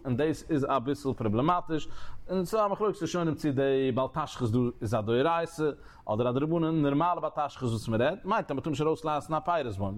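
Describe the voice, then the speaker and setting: A man teaching a Talmud lesson in a sing-song learning cadence, often restarting his phrases. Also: mid-range voice. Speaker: Torah teacher.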